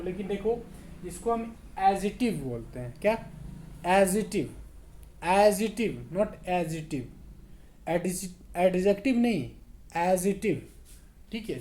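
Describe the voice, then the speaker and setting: A man teaching English in Hindi, explaining slowly and often checking that students understand. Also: high voice, warm tone. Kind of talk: spoken English lesson in Hindi.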